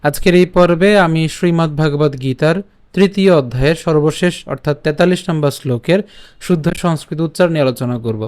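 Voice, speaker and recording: Man slowly chanting Sanskrit verses. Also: fairly high pitch, darkish tone, clean tone, no echo. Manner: slow syllable-by-syllable chanting of verses; rapid channel intros and outros. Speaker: Sanskrit recitation teacher. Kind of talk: Gita pronunciation lesson.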